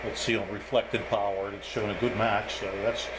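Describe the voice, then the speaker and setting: His voice sits on the lower side with little pitch movement, and he moves along fairly quickly. It's a casual, unscripted hands-on look at radio equipment, full of hesitant thinking aloud, over a clearly noisy background.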